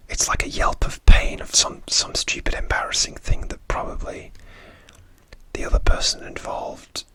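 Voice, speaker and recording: A person whispering a gentle ASMR pep talk, confiding and a little hesitant, close to the microphone. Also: normal speed, dry recording, low-quality recording. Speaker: ASMR video host.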